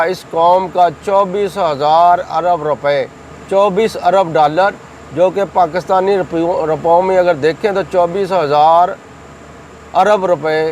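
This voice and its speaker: A middle-aged man from Pakistan delivers heated political commentary in a high voice. He speaks combatively and accusingly, repeating phrases to hammer his points home, with a faint hum of outdoor traffic behind him. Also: a little mellow, low-quality recording. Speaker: political commentator hosting his own channel.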